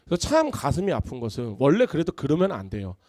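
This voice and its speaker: A man's voice: on the high side, huge pitch swings, quick pace, darkish tone, no echo, studio quality. A pastor preaching a Sunday sermon, telling stories and acting out his friends' voices.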